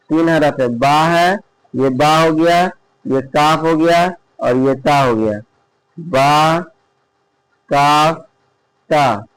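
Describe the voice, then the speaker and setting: Male teacher, slightly high clear voice, dry close sound, unhurried, drills letters and quizzes himself. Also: no echo, low-quality recording. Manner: patient, drills letter names slowly, asks and answers himself. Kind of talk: online lesson reading letter names. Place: indoor online class recording.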